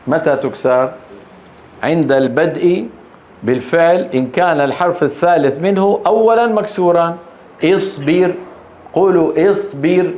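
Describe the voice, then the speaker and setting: A man's voice: a little high, normal speed, a little mellow. A male Quran teacher, giving a classroom lesson and often prompting the class with short questions while drawing out recited words. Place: classroom, Grozny. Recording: echoey room, faint background hiss.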